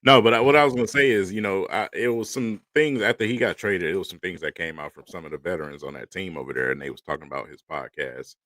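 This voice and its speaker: A man's voice: deep voice, fast, hardly any pauses, a bit bright, no room sound. A man on a sports panel in casual chat, making emphatic points and repeating them for stress.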